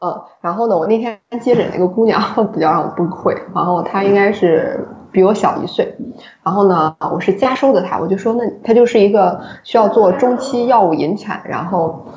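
Woman, podcast co-host, middling pitch, chatty lively storyteller; roomy, slightly muffled recording. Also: fairly quick, a crowd in the background. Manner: lively storyteller who laughs often. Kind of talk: casual chat, telling a work story.

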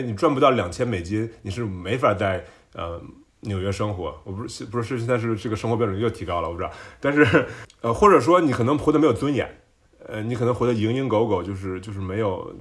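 A podcast guest from China tells stories in a lively, casual chat, laughing often and slipping English words into his speech. His voice is lowish and he talks quickly.

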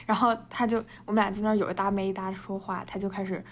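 A woman's voice: mid-range voice, little pitch movement, fast. A Chinese woman, chatting as a podcast co-host, laughing often, padding her talk with fillers and mixing in English words. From China. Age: 20s. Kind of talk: casual storytelling chat.

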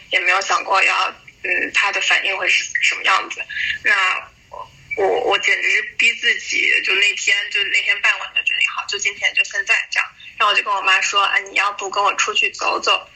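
A woman in her thirties from China slowly telling a personal story over a voice call, pausing and restarting as she recalls it. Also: medium pitch, pushed and bright, breathy edge, poor audio. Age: 30s. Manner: slow, reflective, hesitant retelling. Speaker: guest sharing a story. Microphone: voice call recording.

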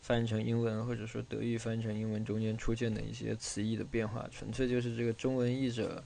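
Man, reading class host, casual lecture, gravelly fry in the voice, sore throat, middle pitch. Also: little pitch movement, fast, warm tone, a little hiss or hum. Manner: loose, conversational explaining.

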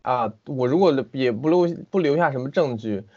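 A film director being interviewed at home in the city chats over an internet call in a medium-pitched voice, talking a little fast. He's animated and casual, frequently hesitating and starting sentences over. The recording sounds muffled.

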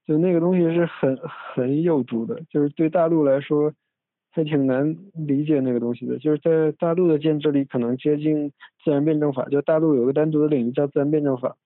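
A man's voice: on the high side, steady tone, brisk, dry recording. Man chatting on a tinny phone recording. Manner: rambling, many restarts and asides. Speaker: podcast host. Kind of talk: casual academic chat. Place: room in a family home.

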